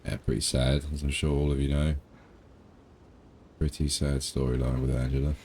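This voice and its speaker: A man with a low voice gives loose, chatty commentary while playing a horror game. He jokes and swears now and then in a casual streamer's way. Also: little pitch movement, normal speed, warm tone, a little hiss or hum.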